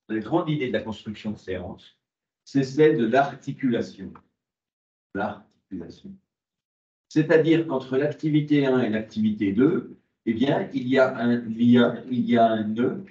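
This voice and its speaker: French-speaking man lecturing in echoey room. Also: medium pitch. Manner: lively, rhetorical questions answered himself. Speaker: university lecturer. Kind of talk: classroom lecture. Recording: muffled, echoey classroom.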